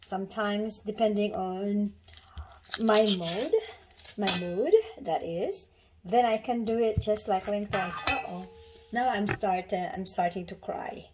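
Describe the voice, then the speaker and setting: A woman's voice: medium pitch, slow. Woman from the Philippines, home cook vlogger, chatty and rambling, kitchen with a noisy recording. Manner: chatty, rambling, with many restarts and fillers. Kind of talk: casual cooking demonstration.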